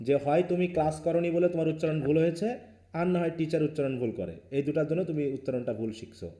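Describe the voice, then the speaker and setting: A man's voice: on the high side, racing, warm tone, roomy sound. A male teacher from Bangladesh leading a live online class, firm and questioning, mixing Bengali with English.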